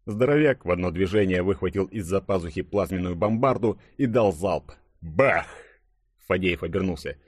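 A man narrating an audiobook in a lively storytelling manner, close to the mic. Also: deep voice, brisk, hardly any pauses, no room sound. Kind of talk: scripted narration.

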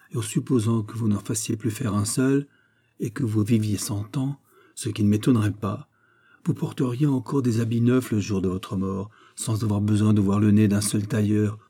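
A man voicing D'Artagnan, a shrewd musketeer, teasing and quick-witted. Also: on the low side, warm tone, slightly rough. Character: shrewd ironic male musketeer.

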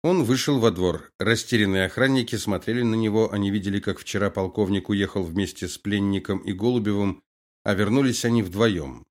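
Audiobook: male narrator, low voice, measured, even reading. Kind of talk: scripted narration.

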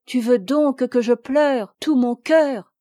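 A woman voicing a gentle young woman from a storybook, speaking tenderly and with sorrow. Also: high voice, slow pace, no echo, studio quality, voice pushed up. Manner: tender, soft-spoken.

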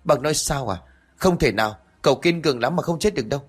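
A man's voice: fairly high pitch, lively intonation, slightly rough, voice pushed up. A man voicing a frantic, grieving young woman. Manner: frantic, tearful, rushed.

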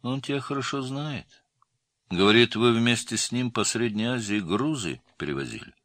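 A man's voice: mid-range voice, lively intonation, moderate pace, a bit bright, no room sound, studio quality, voice pushed up, close to an everyday voice. A man doing a sly, prying cellmate. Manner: prying and falsely good-natured, raised voice. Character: sly, probing male cellmate informant.

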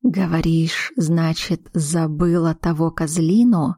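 A woman reading a stern older mother who talks in a low, slow, weighty way. Her words come out blunt and sharp-tongued. The recording is dry and close. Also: fairly even intonation, breathy edge, dry recording, full character voice.

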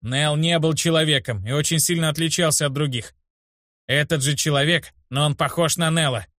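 An earnest, suspicious teenage apprentice druid, as a man voices him. He keeps insisting, pitched a little higher. The sound is close and dry. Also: moderate pace, a bit bright, no echo, natural voice. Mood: insistent.

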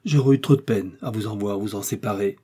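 A man reading an audiobook, voicing an eager, loyal young male servant with a cheerful, excited manner. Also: fairly low pitch, a little fast, husky.

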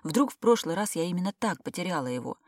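A woman reading a first-person novel aloud in a steady, tense storytelling manner. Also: fairly low pitch, fast talker, dry recording, studio quality. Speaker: audiobook reader.

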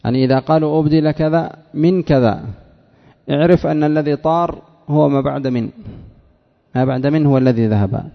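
A sheikh leads a class on Arabic grammar, specifically morphology, repeating examples and calling on students by name with questions. His voice is a little high and brisk, with vocal fry. The hall is reverberant and the lo-fi recording dull.

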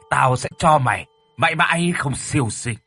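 A man's voice: fairly high pitch, lively intonation, unhurried, sharp tone, a little hiss or hum, full character voice. A man voicing a vengeful male official who curses and cackles over his dead wife in a told ghost story. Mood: gloating fury. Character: vengeful middle-aged male official, gloating and cruel.

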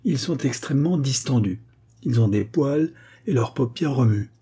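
A man's voice: mid-range voice, expressive, normal speed, mellow, breathy edge, voice pushed up. A man reading aloud, voicing a pompous old blind village doctor who lectures with confident authority. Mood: lecturing. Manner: self-assured, lecturing.

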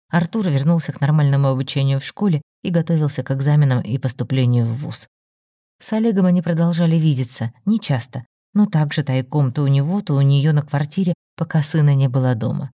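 A low, dark woman's voice reading a story in a steady, measured manner. The recording is dry and close-miked, with no room sound. Her tone stays mellow throughout. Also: no room sound. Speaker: narrator. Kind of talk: scripted story narration.

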